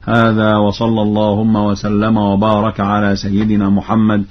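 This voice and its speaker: A man, a Quran reading scholar, giving a radio lesson on recitation variants, explaining plainly and then chanting verse examples slowly. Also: on the low side, monotone. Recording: dull lo-fi radio recording.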